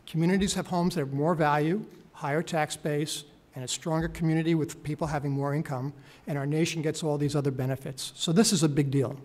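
A middle-aged man with a slightly higher voice pitches eagerly to a panel audience and argues his case with energy. He gestures as he talks into a table mic in a wood-paneled hearing room. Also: steady tone, a little fast, darkish tone. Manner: enthusiastic, persuasive, gestures while talking. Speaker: government program speaker, panelist. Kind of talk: panel presentation. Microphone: table mic on stand.

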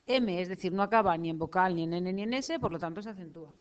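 A woman's voice: lowish voice, racing, dull audio. A woman teacher giving a one-on-one spelling lesson, patiently prompting and repeating each word back.

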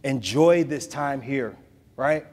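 A man in his forties delivers a conversational keynote from a podium in a large hall lined with bookshelves, with the audience seated, repeating phrases for emphasis. His mid-range voice moves at a slow pace and sounds a little mellow. The podium mic is filmed from the back of the room, and a long hall reverb hangs on everything.

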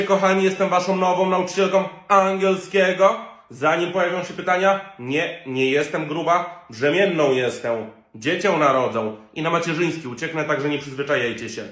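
A man's voice: high-pitched, a bit bright, echoey room. A man playing a moody, pregnant female English teacher who talks in an affected, melodramatic way.

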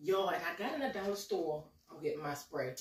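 Filming in her home kitchen with the camera a few steps off, this woman in her forties has a slight cold and a fairly low, animated voice that moves fairly quickly. She's a chatty, casual cooking vlogger who addresses her viewers as y'all, and the distant mic picks up roomy echo.

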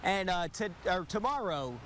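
A man's voice: high voice, animated, moderate pace, a bit bright. A man giving a live TV news report from outdoors. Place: outdoors in a city plaza. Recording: clear outdoor city noise.

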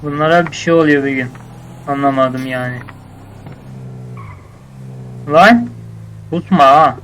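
A man's voice: fairly high pitch, moderate pace, a bit bright, a little hiss or hum, poor audio. A man acting out a casual game roleplay, bossing his crew around in scolding, slangy street talk.

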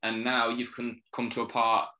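A man's voice: medium pitch, completely flat delivery, normal speed, bright, forceful tone, slight background noise. A man hosting an interview, hesitant, with many fillers and constant agreeing. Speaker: interview host. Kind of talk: casual interview chat.

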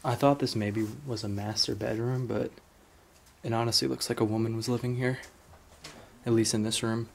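Musing aloud as he explores the rooms of an old house, an American urban explorer host gives casual, unscripted vlog commentary. His mid-range voice has vocal fry, fairly even intonation, and a normal speed.

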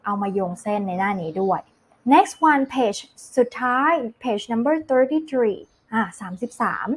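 A woman teaching English to kindergarten children, saying each word slowly and clearly, repeating it, then explaining it. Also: on the high side. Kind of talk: slow vocabulary drill lesson for small children.

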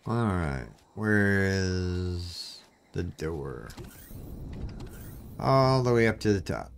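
Speaking very slowly in a deep, gravelly yet animated voice, a man offers casual gameplay commentary to his channel's viewers. His throat sounds clogged, and there's slight background noise.

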